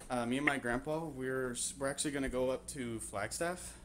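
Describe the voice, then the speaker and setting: A man's voice: mid-range voice, fairly quick. A man chatting casually and off the cuff as a prank caller. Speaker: prank caller and video host. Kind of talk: casual improvised chat.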